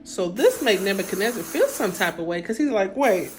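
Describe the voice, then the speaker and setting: A woman's voice: mid-range voice, fairly quick, faint music behind. A young woman casually retelling a Bible story in chatty, colloquial speech while doing her makeup. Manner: chatty, colloquial, animated emphasis.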